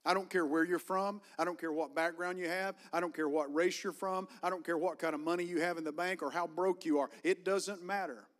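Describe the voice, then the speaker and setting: A man preaches in a church, his Southern Virginian drawl plain in every phrase. His voice sits a bit higher than most men's. He calls out for amens and builds toward a fervent, rising delivery. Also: fairly even intonation, brisk, few pauses. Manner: preaching with call-and-response, rising fervor. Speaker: pastor. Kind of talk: sermon. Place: church sanctuary.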